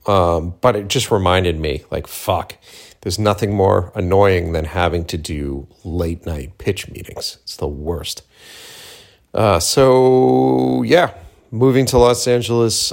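A man's voice: low voice, vocal fry, darkish tone. A man from Cape Cod speaking in a casual, rambling monologue, candid and sweary with slangy asides. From Cape Cod, Massachusetts, USA. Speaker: filmmaker hosting a personal audio journal.

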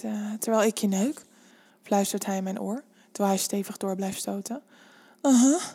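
Soft-spoken woman reading aloud. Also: mid-range voice. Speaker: erotic story reader. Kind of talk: reading an erotic story aloud.

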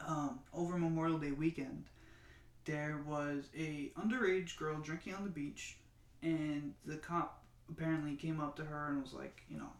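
A man's voice: fairly high pitch, steady tone, normal speed, distant mic. Joking man in casual chat, echoey. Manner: joking, conversational. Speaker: podcast co-host. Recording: echoey room.

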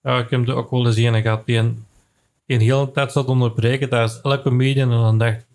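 A man in a casual chat with a fellow comedian, giving short agreeing replies and halting a bit when he talks. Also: mid-range voice, level tone, a little mellow.

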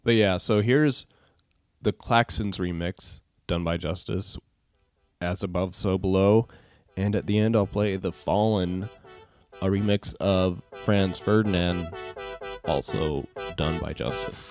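A man who works as a DJ, talking casually and alone, rambling with relaxed restarts. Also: low-pitched, takes it slowly, soft background music. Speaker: DJ and podcast host. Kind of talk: casual solo talk.

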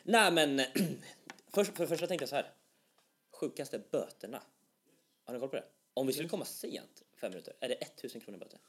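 A young man co-hosting a casual podcast, telling anecdotes in a lively, animated way. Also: medium pitch, husky. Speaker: podcast co-host. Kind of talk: casual chat.

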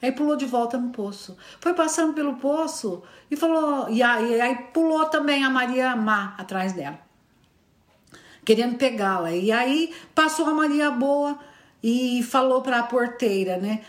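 A woman's voice: high voice, animated, unhurried. A woman telling a fairy tale casually, rambling and repeating phrases as she goes. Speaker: storyteller. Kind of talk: casual oral storytelling. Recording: echoey room.

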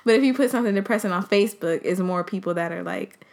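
A young woman chatting casually, easygoing and quick to laugh. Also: mid-range voice, darkish tone. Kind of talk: casual chat.

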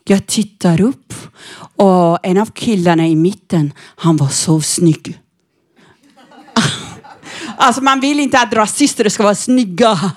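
A middle-aged woman from Iran doing stand-up comedy, cheeky and quick to laugh. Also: mid-range voice. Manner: cheeky, laughing often, lively. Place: stage before a live audience.

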